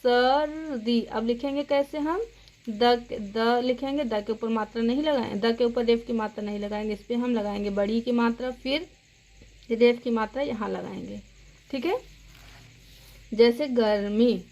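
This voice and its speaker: A woman's voice: on the high side, moderate pace, darkish tone. A woman teaching young children a grammar lesson, speaking patiently and spelling out words sound by sound. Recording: dull lo-fi sound.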